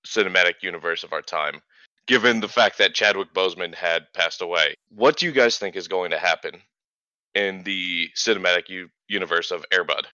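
Man, podcast co-host, very bright sharp tone, lower voice, dull lo-fi mic, provocative. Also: a little fast, dry recording. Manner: provocative, swearing, dark jokes. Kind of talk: casual podcast banter.

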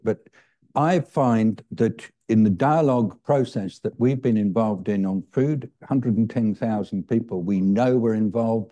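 A man giving measured, earnest, thoughtful answers as a guest speaker at a public talk. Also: fairly low pitch, dark tone.

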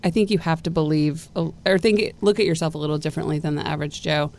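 A woman chatting casually with a co-host, animated and quick to laugh. She jumps in over her partner's lines. Her voice sits a little low for a woman. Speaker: podcast co-host. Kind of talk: casual chat.

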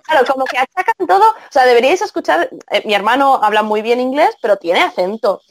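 A woman's voice: high voice, fairly quick. A woman from Spain with a Spanish accent, chatting as a guest translator and acting out the dialogue she quotes. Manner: animated, acts out quoted dialogue. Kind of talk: casual podcast chat.

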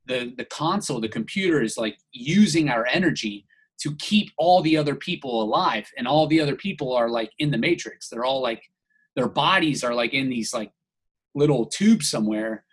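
Husky man telling a rambling story. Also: mid-range voice, lively intonation, normal speed, poor audio. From United States. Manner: rambling, heavy use of "like", restarts. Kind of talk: casual podcast storytelling.

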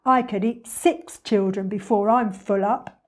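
A woman's voice: medium pitch, fairly even intonation, unhurried, close to an everyday voice. A woman voicing an enormous, hungry male crocodile in a storybook, scheming and relishing each word. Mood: grumbling, hungry.

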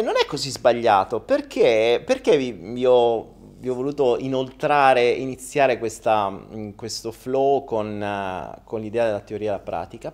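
A man's voice: medium pitch, darkish tone. A man telling a joke in a casual, rambling, self-deprecating monologue. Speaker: storyteller.

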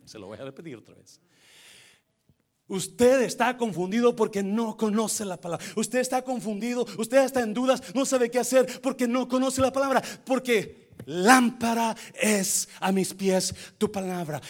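Male pastor, very high pitch, fiery sermon delivery with shouted lines and quiet asides, bilingual phrases. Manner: swings between shouted preaching and low, quiet asides; mixes in English phrases.

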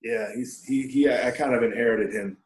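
A man's voice: medium pitch, normal speed. A man in his forties, a stand-up comedian, telling stories at home in a loose, profane way with lots of quoted dialogue. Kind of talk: casual storytelling interview. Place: room at home. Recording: echoey room.

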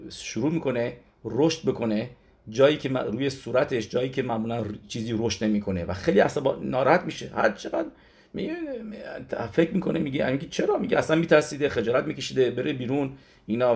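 A man of ordinary pitch gives a religious lesson by retelling stories. His delivery is loose and conversational. He often halts and restarts his words. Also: darkish tone. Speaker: religious teacher. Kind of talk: storytelling Torah lesson.

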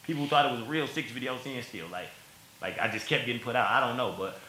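A man from Milwaukee tells his story in a casual interview, talking fast in a bright, forceful voice. He is slangy and emotional, laughing through tears. The room around him rings with echo. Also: mid-range voice, slight background noise. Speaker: content creator telling his story.

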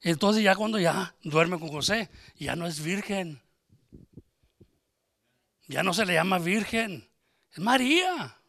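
A man preaches, his voice pitched high and bright. He speaks emphatically, firing off rhetorical questions and acting out little conversations. The sound is dry and close, with little room around it. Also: lively intonation, takes it slowly, creaky, long pauses, no room sound. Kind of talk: sermon.

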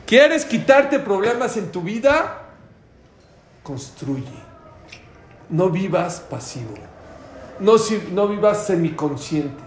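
A man giving a lively sermon, acting out voices of the people and of God as he preaches. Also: high voice, slow pace, pauses often, roomy sound, a little hiss or hum. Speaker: rabbi.

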